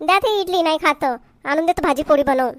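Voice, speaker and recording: As the exasperated village wife of a comedy cartoon, a woman nags and complains sharply, fed up, in the Varhadi Marathi accent of Vidarbha. Her voice sits high and quick, close to how she normally talks, recorded dry.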